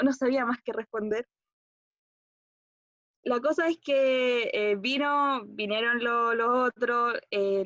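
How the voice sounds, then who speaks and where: A young woman with a Chilean accent recounts a personal story as a monologue exercise. Her voice sits a bit high, and she keeps circling back with fillers and self-corrections. The recording is dry and a little muffled. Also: fairly bright tone, no echo. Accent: Chilean Spanish. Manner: rambling, hesitant storytelling with fillers and restarts. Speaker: acting student.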